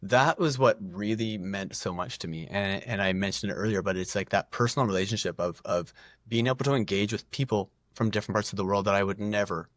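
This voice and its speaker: A middle-aged man with a lowish voice talks at length as a podcast guest, circling back on himself and laughing at his own tangents. The sound is close and dry, with no room around him. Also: brisk, dry recording. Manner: rambling, self-deprecating, frequent restarts and laughs. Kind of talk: casual podcast conversation.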